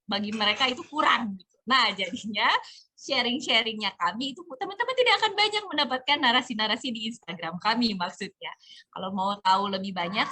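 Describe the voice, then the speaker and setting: A woman's voice: a little high, sharp tone. A chatty woman hosting an informal online community talk in colloquial speech. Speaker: host of a community webinar.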